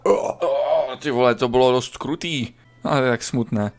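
A man streaming a video game, commenting casually and crudely, swearing often and breaking into sudden high yelps. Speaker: gaming streamer. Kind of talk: casual let's-play commentary.

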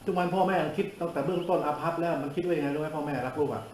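A man's voice: a little high, steady tone, very fast, roomy sound, background noise. An older man, a monk giving a blunt, informal sermon, coarse and scolding, who laughs at his own jokes.

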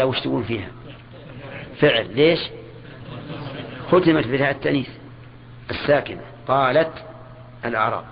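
An older man, teaching a grammar lesson in a measured way. He repeats key words and puts questions to his students. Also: mid-range voice, gravelly. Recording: dull lo-fi old lecture recording with faint hiss.

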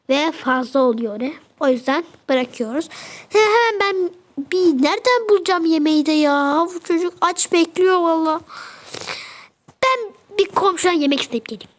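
A young woman chatting casually as she narrates a game, fretting and exclaiming as she goes. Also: high voice. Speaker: game video creator.

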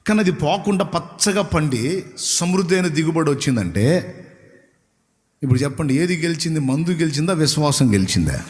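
A man preaches a storytelling sermon in a conversational way, often turning questions to his listeners. His voice sits a little high. It rings with long reverb in a church hall. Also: expressive, fairly quick, a little mellow.

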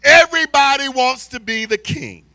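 A middle-aged American man born in Spain to a military family preaches as a church elder, using a handheld microphone to tell stories and lead call-and-response with his congregation in a large indoor church hall. His very high-pitched delivery is animated and theatrical, drawing words out and swinging from quiet asides to shouts. The recording has no room sound.

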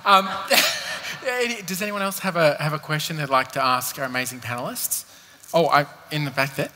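A man's voice: a little high, normal speed, sharp tone. A man moderating a panel in a jokey, upbeat way. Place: stage of an event hall. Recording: long reverb of a hall.

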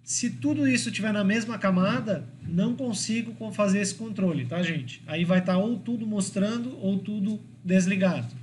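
A man's voice: sits high, slight background noise. A man with a Brazilian Portuguese accent giving a university lecture, explaining step by step and checking in with the class. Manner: explanatory, checks in with frequent tag questions. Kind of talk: classroom lecture on drawing software.

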